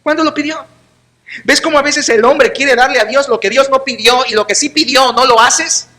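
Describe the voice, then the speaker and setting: A pastor delivering a sermon in a church, a man whose voice sits notably high and sounds bright and sharp. He preaches with emphatic, sarcastic force and acts out the quoted lines, with a Mexican Spanish accent. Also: normal speed.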